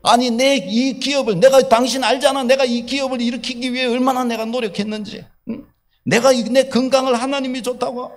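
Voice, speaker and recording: A pastor playing a proud self-made businessman husband who scorns faith, shouting and boasting in a high, strained voice. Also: fairly even intonation, a little fast. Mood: boastful.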